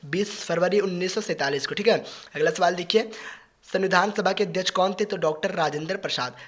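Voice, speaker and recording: Fast-talking exam-prep teacher. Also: medium pitch, fairly bright tone. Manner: talks fast on purpose, repeating "okay, next question" between answers. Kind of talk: rapid-fire exam question revision.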